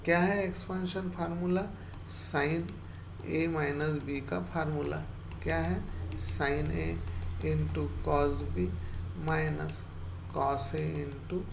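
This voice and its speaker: Slow, gravelly math teacher. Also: male voice, on the high side, steady tone, noisy background. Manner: patient, repeats each step, checks if students follow. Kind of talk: explaining a math lesson step by step.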